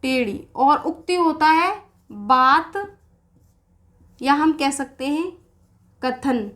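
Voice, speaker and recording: Slow, high-voiced woman teaching grammar. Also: expressive, fairly bright tone. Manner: explains slowly, asks and answers her own questions. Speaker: Hindi teacher. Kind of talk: exam-prep grammar lesson.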